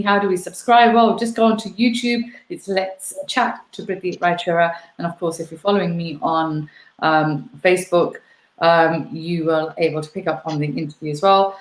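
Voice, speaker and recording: A woman's voice: on the low side, roomy sound. A woman hosting a live online interview chat from home on a video call, chatty and full of fillers. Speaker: talk show host.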